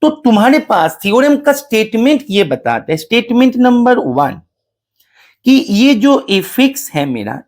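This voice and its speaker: A man giving a math exam-solution lecture, explaining step by step, mixing in English terms and calling his students beta. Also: high-pitched. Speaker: mathematics teacher.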